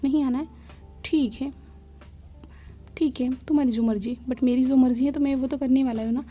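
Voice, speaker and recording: A woman's voice: high voice, fairly even intonation, moderate pace, warm tone. A woman voicing an insistent young husband in a retold fanfiction story, speaking plainly in a bossy tone. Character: young man, impatient stubborn husband.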